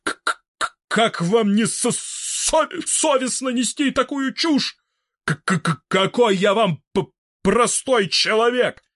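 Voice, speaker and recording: A man voicing a flustered older wizard scientist who stutters heavily and gets excited. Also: extremely high pitch, takes it slowly, dry recording, studio quality, exaggerated voice. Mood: indignant.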